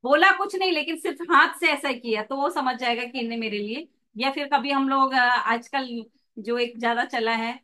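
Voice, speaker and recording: Woman, coach, online class, video call, lively, bright voice. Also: high voice, normal speed. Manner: lively, demonstrates with acted examples. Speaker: pregnancy coach.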